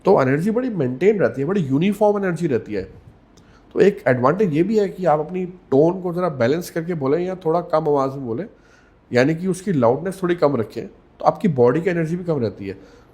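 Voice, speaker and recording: In a podcast interview, the communication coach's slightly high, mellow, husky voice carries lively intonation as he speaks in measured, emphatic Hindi sprinkled with English phrases, repeating key words.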